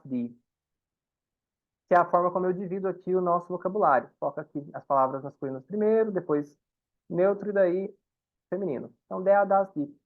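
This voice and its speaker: A man leads an online German lesson. He explains each rule patiently and keeps asking the students whether they follow. His voice comes through dull, lo-fi video-call audio. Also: fairly high pitch. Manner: patient, explains with frequent checks to the class. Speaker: German teacher.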